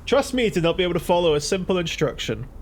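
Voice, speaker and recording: A man's voice: high voice, sing-song, fast, a little hiss or hum. A man giving casual gameplay commentary, narrating his own actions and thinking aloud as he plays. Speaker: gaming video host.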